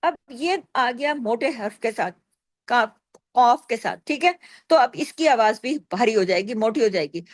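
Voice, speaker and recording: High-voiced woman teaching tajweed. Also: animated, moderate pace, dry recording. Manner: patient, explains step by step, asks and answers her own questions. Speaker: Quran recitation teacher. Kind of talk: tajweed lesson with recited examples.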